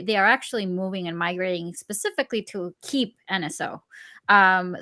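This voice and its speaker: A woman's voice: mid-range voice, bright, forceful tone. A woman co-hosting a casual podcast chat, thoughtful and hesitant, sighing and using lots of fillers. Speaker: podcast host.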